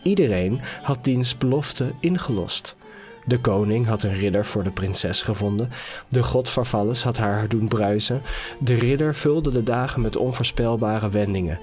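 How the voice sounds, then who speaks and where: A man narrating a scripted fairy tale as a podcast storyteller, measured and unhurried. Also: mid-range voice, darkish tone. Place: podcast studio. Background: faint music.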